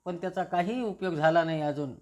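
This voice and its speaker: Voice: medium pitch, quick pace, darkish tone, dull audio, natural voice. The narrator reading as a distressed pleading mother. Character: distressed mother of a missing son.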